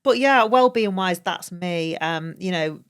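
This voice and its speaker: Chatty northern English woman, low voice. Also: measured pace, clean tone. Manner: chatty and animated. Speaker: guest, colour therapist. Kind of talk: casual podcast chat.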